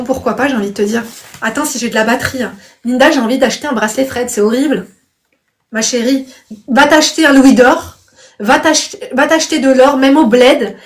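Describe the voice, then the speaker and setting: Blunt high-voiced woman streaming live. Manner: blunt and outspoken, calls viewers darling; punctuates opinions with "I swear" and "I'm telling you the truth". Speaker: live-stream host and life coach. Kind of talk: casual live chat answering viewer comments.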